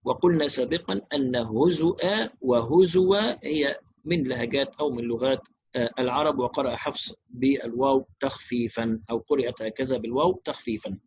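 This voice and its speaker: A man teaching Quran recitation, explaining rules briskly and chanting verses slowly and melodically. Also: medium pitch, husky, muffled recording.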